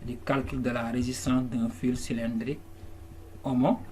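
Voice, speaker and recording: A man's voice: medium pitch, level tone, moderate pace, a little mellow. A man teaching a lesson, working patiently through an exercise step by step, often restarting words and checking that students follow. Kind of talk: classroom lesson walkthrough. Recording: faint background noise.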